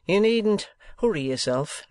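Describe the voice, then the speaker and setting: A man voicing a greedy, sanctimonious middle-aged schoolmaster in a storybook reading, with an oily, drawn-out, preachy delivery. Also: high-pitched, lively intonation, darkish tone, no room sound, pitched above the performer's own voice.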